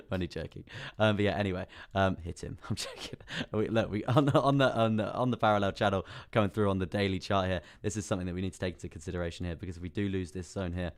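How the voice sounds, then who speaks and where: A young English man with a hoarse, partly lost voice, hosting a casual crypto live stream, chatting about charts and greeting viewers by name. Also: sits low, fairly even intonation, racing, hardly any pauses. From England. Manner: chatty, reads out viewer names and laughs often.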